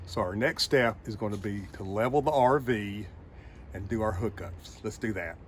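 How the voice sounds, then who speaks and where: A man's voice: on the low side, moderate pace. A middle-aged man giving a casual step-by-step demonstration as an RV vlog host. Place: outdoors at a campsite and in an RV doorway. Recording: clear outdoor and vehicle noise.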